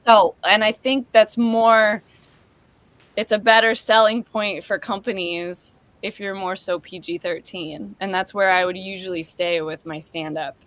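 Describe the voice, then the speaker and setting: A woman, chatting as a comedian guest in an interview, bursting with enthusiasm. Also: medium pitch. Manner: excitable, quick bursts of enthusiasm. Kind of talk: casual interview chat.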